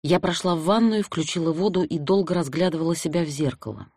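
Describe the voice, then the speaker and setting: An audiobook narrator telling a detective story in the first person, with a wry, lively delivery. The voice sits at a middling pitch and the recording is dry and close, with no room at all. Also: fast talker, dry recording.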